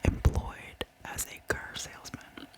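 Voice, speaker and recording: A true crime tale is told by a woman in an ASMR whisper, breathy and soft with no voicing, paced with careful storytelling intent.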